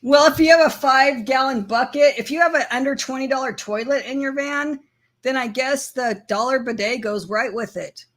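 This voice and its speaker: A woman with a somewhat high voice hosts a relaxed livestream from a van. She chats easily with her viewers and often breaks into giggles. Her talk is loose, friendly and informal. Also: normal speed. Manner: giggly, chatty, laughs often. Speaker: livestream co-host. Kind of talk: casual livestream chat.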